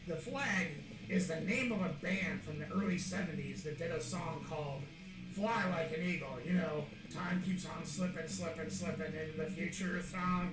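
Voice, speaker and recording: Boastful male demon with a demonic layered voice, heard from a distance over music. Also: fairly high pitch. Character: taunting male demon in a puzzle clip. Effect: demonic layered voice effect. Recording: echoey, distant, loud music behind.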